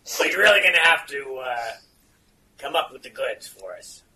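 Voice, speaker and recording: A man playing in a tabletop game, talking haltingly with many pauses and fillers. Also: mid-range voice, animated, bright, forceful tone. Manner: halting, full of uhs. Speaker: player. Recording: noisy line with clicks.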